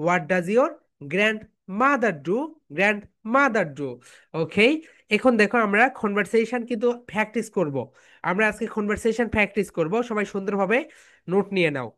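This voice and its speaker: A woman's voice: medium pitch, fairly bright tone. Woman teacher drilling English. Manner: drills phrases slowly, repeating, with students chanting along; mixes Bengali explanation with English drills. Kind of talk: online classroom lesson.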